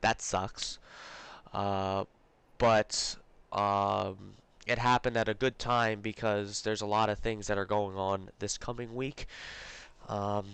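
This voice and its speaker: A man congested from a cold he's recovering from hosts a live stream, chatting casually with lots of fillers and restarts. His lowish, fairly bright voice is slow and smooth, with little pitch movement and some vocal fry. A close desk mic gives a dry recording.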